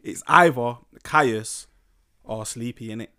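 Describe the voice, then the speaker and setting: A man's voice: mid-range voice, takes it slowly, sharp tone, smooth. A young man, chatting casually and in thick street slang as a musician being interviewed. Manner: slangy roadman talk. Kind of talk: casual chat.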